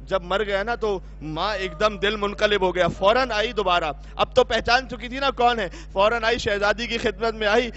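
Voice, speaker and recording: A man with a Pakistani Urdu accent preaches a Muharram sermon, his voice pitched very high and worked up to tearful cries. The recording is dull and lo-fi. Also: fairly even intonation, pushed and bright. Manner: impassioned, weeping and crying out.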